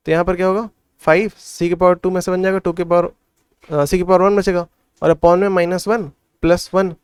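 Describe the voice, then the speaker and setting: A man with a high, fairly monotone, smooth voice speaks at normal speed in a clean, dry studio recording. Tutoring his way through textbook maths problems step by step, he thinks aloud and keeps checking in with "theek hai."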